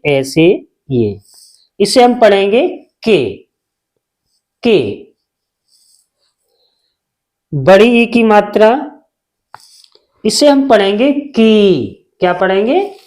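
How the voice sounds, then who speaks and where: This is a slow Hindi spelling lesson from a man with a high-pitched, darkish voice. He draws out and repeats syllables, and he asks questions and then answers them himself.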